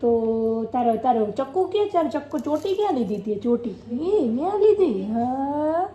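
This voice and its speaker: High-voiced woman coaxing a toddler. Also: very animated, unhurried, mellow, echoey room, poor audio. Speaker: vlogger and mother. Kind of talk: casual home vlog chat with toddler.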